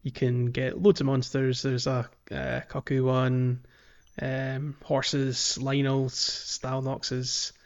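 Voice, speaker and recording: On this laid-back game-talk podcast, the male co-host speaks slowly in a monotone, mid-range voice. He chats easily, laughs readily, and trips over lots of ums and restarts, all captured in dull, lo-fi audio.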